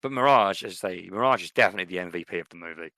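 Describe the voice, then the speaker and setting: A low-voiced man co-hosts a podcast, talking rapid-fire in a bright, forceful tone with no room sound. He discusses films casually and enthusiastically, repeating himself for emphasis.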